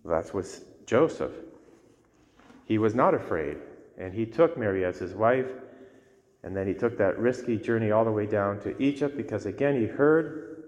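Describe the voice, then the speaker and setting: A man's voice: on the low side, animated, normal speed, a little mellow, lo-fi sound. Man preaching in a cathedral-like echo. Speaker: priest reading the Gospel and preaching. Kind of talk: liturgical scripture reading and homily. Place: large reverberant church interior. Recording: long cathedral-like echo, reverberant church.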